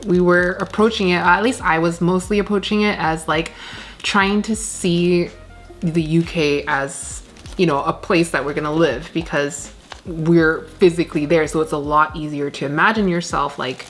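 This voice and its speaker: A woman's voice: lowish voice, steady tone, moderate pace, faint music behind. A woman, chatting casually while repotting plants at home, rambling with lots of fillers. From Canada. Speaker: plant vlogger. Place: indoor plant room, shelves of plants. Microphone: camera on desk, medium framing.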